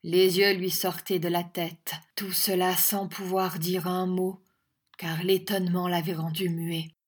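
A woman narrating an audiobook with a measured, expressive reading. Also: on the low side.

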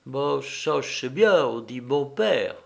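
A man's voice: mid-range voice, animated, slow, gravelly. A man voicing a simple, hesitant old housemaid answering her master. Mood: timid. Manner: hesitant, naive. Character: simple, timid elderly housemaid woman.

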